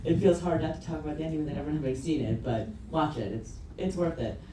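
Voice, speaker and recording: Woman, moderator, upbeat, animated, low voice, distant echoey mic, background noise. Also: fast talker. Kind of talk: interview questions.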